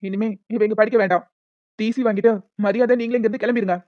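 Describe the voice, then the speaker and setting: A man's voice: sits high, fairly even intonation, quick pace, no echo, natural voice. A man voicing a strict, dismissive school principal in a cartoon. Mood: stern. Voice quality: stern, dismissive. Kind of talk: cartoon voice acting. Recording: dull lo-fi dry recording.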